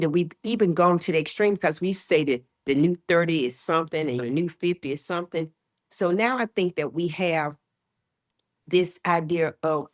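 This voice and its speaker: A woman in her sixties, a health educator talking as a guest in an interview, emphatic and lively, often acting out what people say. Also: on the low side, no echo, clean studio sound. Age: 60s. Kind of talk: casual interview chat.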